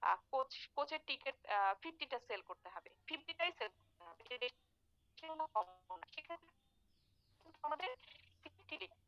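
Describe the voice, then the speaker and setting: A woman's voice: high voice, expressive, fairly quick, long pauses, fairly bright tone. A woman teacher giving a lecture on an online class, her voice breaking up over a bad internet connection as she explains step by step with hesitant fillers. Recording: dry lo-fi online call audio.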